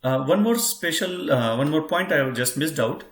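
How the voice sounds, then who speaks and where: A man's voice: a little high, animated, normal speed, roomy sound, slight background noise. A man teaching a German class, patiently spelling words out letter by letter and speaking to his students as friends.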